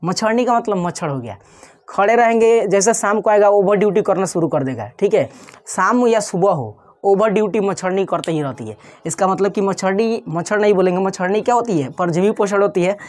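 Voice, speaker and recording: A woman's voice: mid-range voice, expressive, fairly quick, a little mellow. Woman, science teacher, conversational lecture, rhetorical questions, frequent check-ins. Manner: conversational, poses and answers its own questions, checks in with "ठीक है" often. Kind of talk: explanatory online class lecture.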